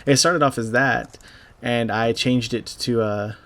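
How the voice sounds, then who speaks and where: A young man giving a halting, casual voice-over over gameplay, full of fillers and swearing, as a clan leader recalling a friend. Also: mid-range voice, steady tone, a bit bright. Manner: halting, rambling, heavy with fillers; casual and profane. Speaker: gaming YouTuber and clan leader.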